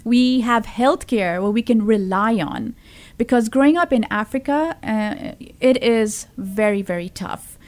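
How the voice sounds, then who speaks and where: A Zambian woman in her thirties, appearing as a podcast guest, tells her story earnestly in casual conversation, with many fillers and restarts. Her voice is a little high and a little mellow, at a measured pace.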